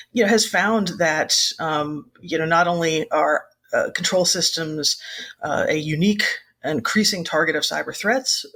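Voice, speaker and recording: A woman government official answering interview questions, halting with many fillers. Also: sits low, fairly bright tone. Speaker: government cyber official, guest.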